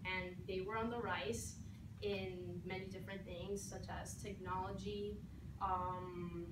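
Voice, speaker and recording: A young woman from Venezuela giving a personal speech, earnest and halting with frequent fillers. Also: mid-range voice. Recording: roomy, distant mic with noise.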